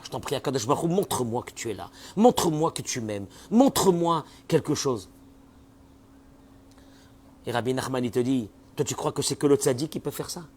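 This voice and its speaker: A man's voice: mid-range voice, husky. Impassioned man giving a sermon. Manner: impassioned, urges listeners directly, swings from soft to loud. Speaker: rabbi.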